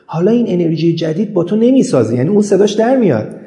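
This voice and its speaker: A man's voice: high-pitched, very animated, dark tone, reverberant. A man giving a self-help talk, speaking earnestly and repeating phrases in rhythmic lists. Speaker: motivational speaker.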